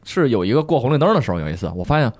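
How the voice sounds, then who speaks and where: A young man, a guest on a podcast, telling his own stories in a soft, relaxed way with many small restarts. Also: medium pitch, rapid-fire, dry recording. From China. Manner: soft-spoken, relaxed storytelling with frequent restarts. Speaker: guest, police officer. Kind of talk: casual podcast chat.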